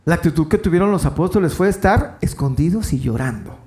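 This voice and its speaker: A fairly high-pitched man, preaching to his congregation. He tells the story with animated swings, dropping low and rising high as he acts out the voices in it. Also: fairly quick. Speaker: pastor. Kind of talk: sermon.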